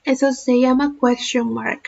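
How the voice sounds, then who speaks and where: A woman with a high voice teaches an online English grammar lesson. She explains each point patiently and step by step. The recording sounds dull and lo-fi. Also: steady tone, a little slow, vocal fry, a little mellow.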